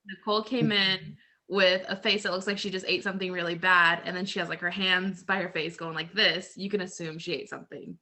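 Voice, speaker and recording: Bright-voiced woman teaching a group. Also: on the low side, fairly even intonation, a little fast. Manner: chatty, explains with everyday examples, fills with "so" and "like". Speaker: group leader presenting a lesson. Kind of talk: casual teaching talk to a group.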